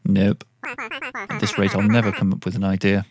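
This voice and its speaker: A man reading the lines of a young university student in a game, in a flat, mumbled way. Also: on the low side, moderate pace, soft background music. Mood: plain. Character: young university student, frustrated then curious.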